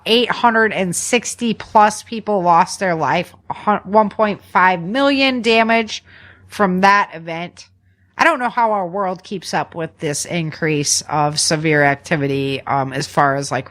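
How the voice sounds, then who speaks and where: An American woman with a mid-range, slightly bright voice hosts a podcast, going through the news chattily and informally with slangy, casual commentary.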